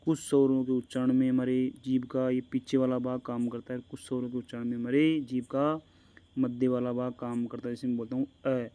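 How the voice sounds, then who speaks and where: Male grammar tutor, monotone and deep-toned, keeps repeating himself and drawing out vowels slowly. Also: smooth. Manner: repetitive, keeps calling the class friends, asks and answers his own questions; stretches vowels slowly to demonstrate them. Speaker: teacher. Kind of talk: exam-prep grammar lesson.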